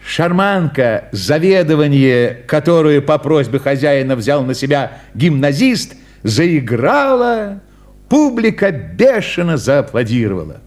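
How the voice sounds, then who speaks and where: A man reading a story aloud at an unhurried pace, voicing the characters in dialogue. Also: a little high, big pitch swings, darkish tone.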